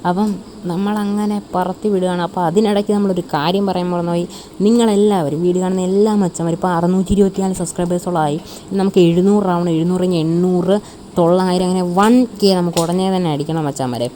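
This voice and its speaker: A Malayali-accented woman gaming channel host talks casually through gameplay, blending Malayalam with English words and addressing viewers as buddies. Her voice is on the low side, steady and dark-toned, at a quick pace, with slight background noise.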